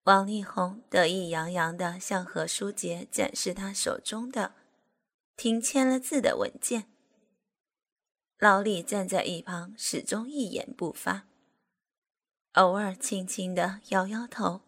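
A woman reads a serialized novel aloud at a slow, deliberate pace. Her voice sits at a middle pitch, steady and measured. The storytelling stays even and calm. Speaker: narrator. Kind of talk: scripted audiobook narration.

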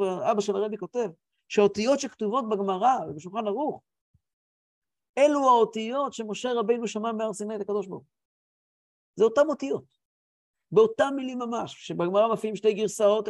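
A man in his thirties, a rabbi teaching a weekly Torah class with animated storytelling. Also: high voice, dry recording. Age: 30s. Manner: animated storytelling, acts out quotes.

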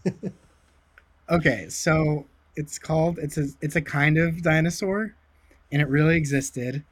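A man chatting casually as a podcast guest, rambling and excitable, swearing now and then. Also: a little high, unhurried, no room sound. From California. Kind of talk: casual chat.

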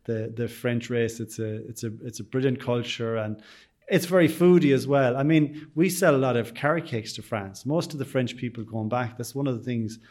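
A man from Sligo speaks in a west of Ireland accent, answering as a bakery owner in an interview. His delivery is conversational and rambling, peppered with small verbal asides, at an ordinary middle pitch. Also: fairly even intonation, moderate pace, a little mellow. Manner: chatty, rambling, with frequent "you know".

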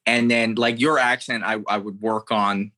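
An American man in his thirties, an impressionist appearing as a guest, tells his story in an interview, earnest and rambling and repeating words. His voice is fairly low and sharp-toned, with fairly even intonation at a moderate pace.

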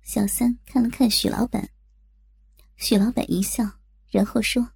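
A woman's voice: a little high, fairly even intonation, a little slow, creaky, darkish tone, slightly rough. A woman narrating a first-person adult story in a coy, teasing manner.

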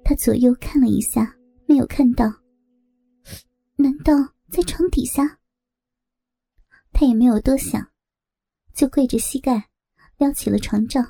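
Woman storyteller, high voice, dark gravelly tone, dry close sound, faint music behind. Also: unhurried, long pauses, no room sound. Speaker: audiobook narrator. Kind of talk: scripted story narration.

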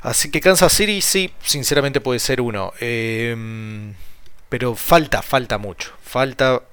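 A man's voice: medium pitch, a little slow, fairly bright tone, smooth, dry recording. A man with an Argentine Spanish accent casually hosts a solo sports podcast, rambling and repeating himself, his mouth sore from a split lip and cut tongue. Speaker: podcast host.

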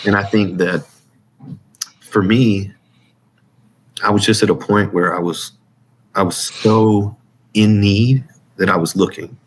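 A man's voice: on the low side, fairly even intonation, slow, long pauses, slight background noise, poor audio. A man speaking as an interview guest in a casual, earnest, informal way, circling back over phrases as he gives personal testimony. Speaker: interview guest, military veteran.

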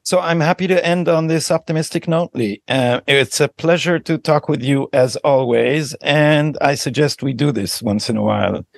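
A man's voice: on the high side, moderate pace, gravelly, few pauses, no room sound. A man hosting a podcast interview, chatting in a friendly, teasing way. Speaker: podcast host. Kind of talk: casual interview talk.

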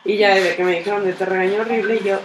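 A woman's voice: mid-range voice, fast talker. Young Mexican woman telling stories in a roomy space. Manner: animated storytelling, mixes in English exclamations. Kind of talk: casual chat among friends. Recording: roomy sound with faint background noise.

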